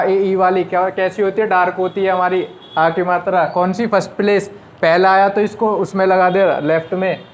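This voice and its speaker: A man with a fairly high voice teaches a shorthand class, talking casually and going over each step again as he writes it out. The sound is a little dull and lo-fi. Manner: talks while writing on a board, repeats and explains step by step.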